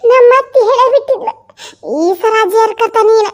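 A woman's voice: very high-pitched, steady tone, moderate pace. A woman with a North Karnataka accent performing a village comedy skit, pleading dramatically between laughs and sobs. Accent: North Karnataka Kannada.

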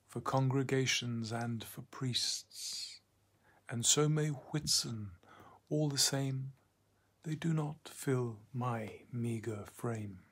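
A man reading verse in a breathy, husky voice, often dropping to a near whisper. He takes it very slowly, leaving long pauses between lines. His pitch sits in the middle of the range. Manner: hushed, half-whispered delivery; slow, deliberate phrasing with long pauses. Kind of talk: poetry recitation.

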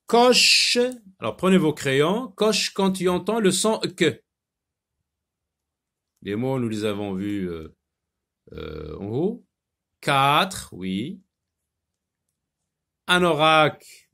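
A man teaching a phonics lesson to children, stretching out sounds and words and pausing on hesitation fillers. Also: mid-range voice, very animated, fairly bright tone. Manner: slow, drawn-out repetition of sounds and words.

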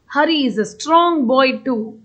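A woman doing a high, gentle schoolchild. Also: unhurried. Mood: friendly. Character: kind schoolchild Raji, friendly. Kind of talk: school puppet show voice acting.

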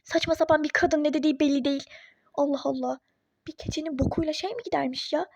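A sarcastic, fed-up young mother in a phone-game role-play story, voiced by a woman. She talks high but with a mellow, dark tone, and snaps back with exasperation. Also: fairly even intonation, fast, vocal fry, dry recording. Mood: exasperated. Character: irritable young pregnant mother, fed up, skeptical.

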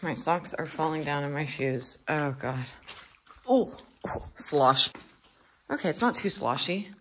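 Her voice sits low and a bit bright, with lively intonation and a measured pace. An urban explorer vlogger, the young woman narrates casually for viewers, chatting and joking while wading through sludge in a flooded, abandoned basement indoors, recorded on a noisy handheld camera.

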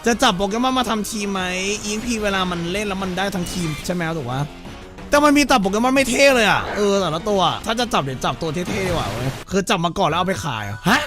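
A man's voice: high voice, animated, quick pace, over music. A man streaming a game, joking crudely and putting on silly voices for the characters. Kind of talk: let's-play commentary.

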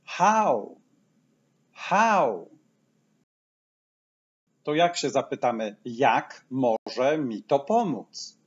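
Patient man teaching slowly, lively pitch. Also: highs cut off. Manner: says each English phrase slowly twice, explaining patiently. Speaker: English teacher. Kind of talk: language lesson for seniors.

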